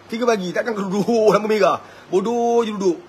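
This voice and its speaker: A man with a Malaysian Malay accent giving a live-streamed religious talk, animated and chuckling, always asking his listeners whether they agree. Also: high-pitched, brisk, slight background noise. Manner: animated, keeps asking the audience "right?"; chuckles often. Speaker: preacher.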